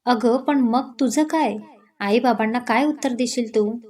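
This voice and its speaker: A woman's voice: fairly high pitch, unhurried, a little mellow. A woman voicing a teasing, outspoken young woman who is a loyal friend, in a storybook reading. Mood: pleading. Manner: playful then indignant.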